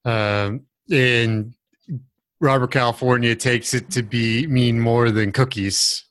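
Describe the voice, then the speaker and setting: A man co-hosting a casual podcast chat, talking in a halting way with many fillers and restarts. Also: medium pitch, steady tone, a bit bright. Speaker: podcast co-host.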